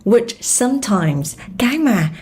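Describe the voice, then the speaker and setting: A woman whose first language is Vietnamese, teaching English pronunciation in a slow, clear lesson and repeating words syllable by syllable. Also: on the high side, very animated, a little mellow, slight background noise.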